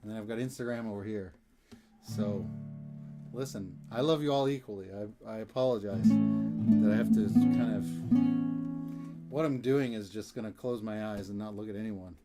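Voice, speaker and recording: A man's voice: lowish voice, moderate pace, pauses often. A man hosting a music live stream, chatting casually between songs in an easygoing, rambling way with self-deprecating jokes. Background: acoustic guitar.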